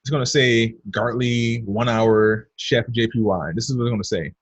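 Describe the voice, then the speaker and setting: At normal speed and in a steady tone, a man with a mid-range voice gives a casual trading lesson on a screen share. He chats to "you guys" watching and talks to himself as he draws. There's no room sound, and the high frequencies are cut off.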